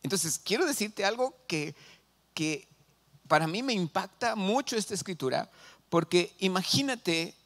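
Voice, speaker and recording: A middle-aged man with a Mexican Spanish accent, preaching a sermon as pastor and asking the congregation questions. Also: sits high. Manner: animated, asks the congregation questions.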